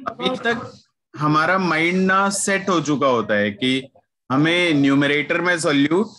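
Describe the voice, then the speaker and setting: A man's voice: a little high, expressive, measured pace, pushed and bright, slight background noise. A man teaching a chemistry class online, patiently repeating key points and mixing English terms into his talk. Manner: mixes Hindi with English terms; addresses students familiarly as "yaar" and "bachche".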